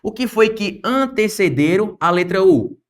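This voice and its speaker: A Brazilian man with a fairly high voice leads an exam-prep grammar lesson, close to the mic. He keeps asking the class questions and answers them himself, with a lively, coaching manner. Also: a little slow. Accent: Brazilian Portuguese. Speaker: teacher.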